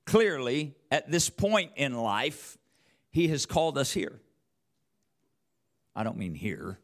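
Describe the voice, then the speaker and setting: A church elder preaches a sermon quoting scripture, speaking emphatically with repeated phrases and rhetorical questions. His voice is a little high, with vocal fry.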